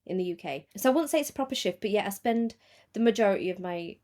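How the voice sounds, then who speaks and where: A woman in her thirties from England, telling her story in a relaxed podcast chat, full of fillers and asides. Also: mid-range voice, fast talker. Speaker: podcast guest, choreographer in film industry. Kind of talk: casual chat.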